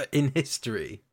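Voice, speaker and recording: A man's voice: mid-range voice, no echo, clean studio sound. A man hosting a casual gaming podcast, chatting and laughing easily with his co-host. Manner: laughs often, relaxed banter. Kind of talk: casual chat.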